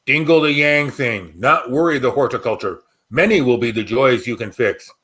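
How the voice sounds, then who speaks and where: A man's voice: mid-range voice, moderate pace, fairly bright tone, lightly acted. A man reading the muddled answers of a magic mirror in a spooky story, in solemn, garbled oracle phrasing. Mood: cryptic. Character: cryptic magic mirror spelling out muddled prophecies.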